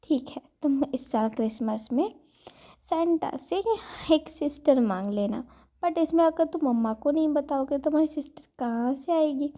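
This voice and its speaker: A woman voicing a young man who plays a gentle, teasing uncle to a child in a fan fiction retelling, speaking softly and fondly. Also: high voice, normal speed, lightly acted.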